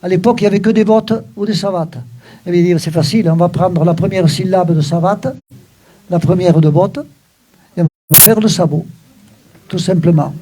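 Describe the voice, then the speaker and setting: An older man teaches with an animated, emphatic manner, tossing in frequent asides to his listeners. His voice sits high for a man yet stays soft and mellow in tone. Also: moderate pace. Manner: lively, emphatic, frequent "hein" and "voilà" asides. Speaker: Occitan teacher. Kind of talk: explaining a text in a recorded talk.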